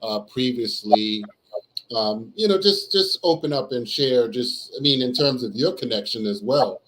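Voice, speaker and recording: A man's voice: mid-range voice, lively intonation, a little slow, fairly bright tone, rough recording. Affirming male livestream host. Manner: affirming, rambling questions with fillers. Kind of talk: livestream interview. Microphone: video call.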